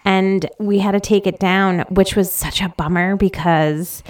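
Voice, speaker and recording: A woman's voice: medium pitch, steady tone, a little slow. A woman in her thirties co-hosting a podcast in casual chat, rambling and teasing. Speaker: podcast co-host.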